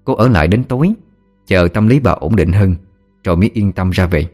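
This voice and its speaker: Deep-voiced man narrating a story. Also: a little fast, soft background music. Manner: steady storytelling. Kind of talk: scripted audiobook narration.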